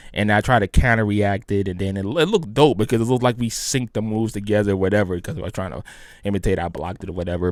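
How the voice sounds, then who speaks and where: A man's voice: lowish voice, a little mellow, no echo, studio quality. A man hosting a casual solo podcast, talking in a rambling, hyped way with many restarts. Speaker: podcast host.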